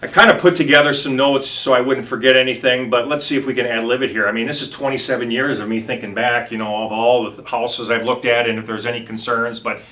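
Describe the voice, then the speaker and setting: A middle-aged man with a bright, forceful voice tells his stories as a home inspector. He rambles, pauses on ums and restarts his sentences in loose conversation. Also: medium pitch, steady tone. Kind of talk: casual storytelling.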